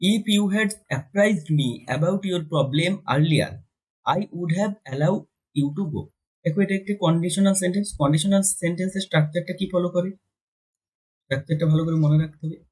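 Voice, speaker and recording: A man teaching English grammar for exams, with a slightly high, husky voice. He explains each point step by step, asking his own questions and answering them. He slows right down when reading out example sentences. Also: a little mellow, low-quality recording. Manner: switches between Bengali and slowly dictated English. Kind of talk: exam-prep grammar lesson.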